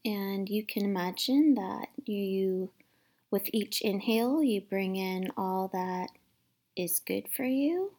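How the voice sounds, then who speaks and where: A woman leading a guided meditation in a soft, soothing, unhurried manner, with long pauses between instructions. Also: medium pitch. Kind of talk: guided meditation, instructing listeners to relax and breathe.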